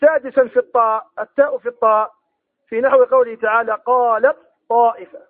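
A man teaching a Quran recitation lesson, explaining rules with questions to his students and reciting the examples slowly. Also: very high voice, fairly even intonation, no echo, phone-quality sound. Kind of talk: tajweed lesson.

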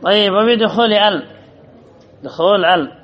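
A man with a high voice teaching a grammar lesson. He repeats key phrases and asks questions that he answers himself. The recording is dull and lo-fi. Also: expressive, measured pace.

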